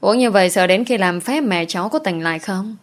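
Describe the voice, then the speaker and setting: A woman's voice: mid-range voice, fairly quick, lightly acted. A woman voicing a worried young man asking anxious questions.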